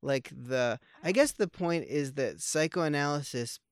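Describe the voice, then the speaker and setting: Rambling man, smooth dry voice. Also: fairly high pitch, a little slow, no echo. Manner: rambling, with many fillers and restarts; joking, wry. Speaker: podcast co-host. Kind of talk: casual conversational film chat.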